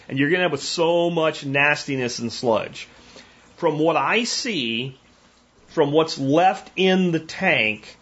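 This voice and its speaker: A man's voice: a little high, fairly bright tone. Folksy opinionated man on lo-fi audio. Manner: folksy, opinionated, with frequent restarts and tag questions. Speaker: homesteading podcast host. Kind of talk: casual live-stream talk answering viewer questions.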